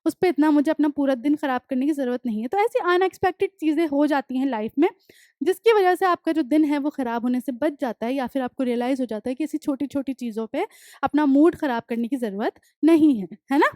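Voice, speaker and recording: A woman teacher explaining poems in a class lesson. She reads English notes slowly, then explains them in quick speech, often checking with "है ना?". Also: high-pitched, a little mellow, dry recording, studio quality.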